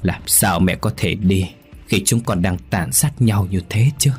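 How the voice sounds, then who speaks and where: A man's voice: sits low, measured pace, a little mellow, soft background music. A man voicing the ghost of an old mother in a spoken ghost story, tender and pleading. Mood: sorrowful.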